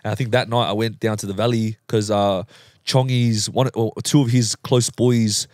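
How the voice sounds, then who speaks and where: A young man hosting a podcast, telling a story in a casual, animated way, laughing often and swearing freely. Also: lowish voice, normal speed, no room sound, clean studio sound. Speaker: podcast host.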